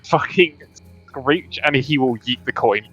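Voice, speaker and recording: A man playing a tabletop game, describing his character's actions with animated, giggly storytelling. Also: medium pitch, measured pace, lo-fi sound, faint music behind. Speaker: player.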